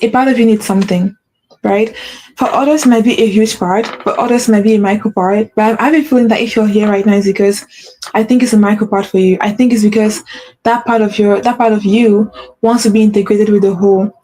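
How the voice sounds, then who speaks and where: Brisk and warm, a woman at medium pitch with fairly even intonation hosts a solo motivational podcast as a spiritual coach, captured on a low-quality recording. She talks earnestly and repetitively, checking in with "right?" and correcting herself, and mentions a slight stutter.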